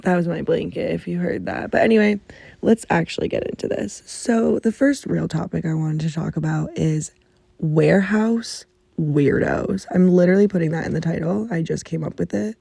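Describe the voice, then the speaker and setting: A young woman talks casually into a mic muffled under a blanket in her bedroom, ranting with exasperation and the odd curse. Her voice sits a little low, with a mellow, dark tone and plenty of gravelly fry. The sound is close and dry. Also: moderate pace, no room sound. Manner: chatty, exasperated ranting with swearing. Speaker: podcast host. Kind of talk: casual chat.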